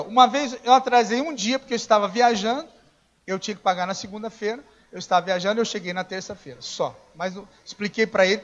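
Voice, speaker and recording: A man preaching a sermon as pastor, telling stories in a conversational way, acting out the dialogue and now and then rising to a shout. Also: extremely high pitch. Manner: conversational storytelling, acts out dialogue, rises to shouting. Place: church. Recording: dull lo-fi church recording.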